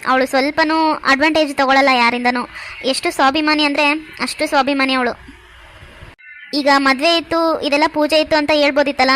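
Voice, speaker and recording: A woman's voice: high-pitched, a bit bright. Woman voicing a chatty, kind young sister-in-law. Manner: chatty, explaining at length. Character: friendly young wife, warm-hearted sister-in-law. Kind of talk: cartoon voice acting.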